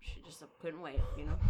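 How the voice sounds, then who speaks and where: A young woman in casual chat as a podcast co-host, brash and profane, laughing through her stories. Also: low-pitched.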